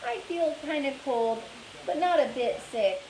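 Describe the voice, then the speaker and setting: A woman's voice: high voice, expressive, unhurried, echoey room, noisy background, pitched above the performer's own voice. A woman voicing a sulky little girl who wails and whines, reading a storybook aloud. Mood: sheepish. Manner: wailing, sulky. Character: whiny little girl who cries floods.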